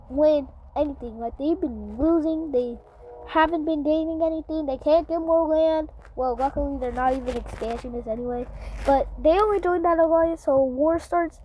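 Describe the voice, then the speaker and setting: A woman's voice: high-pitched, a little mellow, a little hiss or hum, poor audio. A woman giving casual, rambling commentary over a map animation, full of fillers and slang, joking as she goes. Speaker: mapping channel narrator.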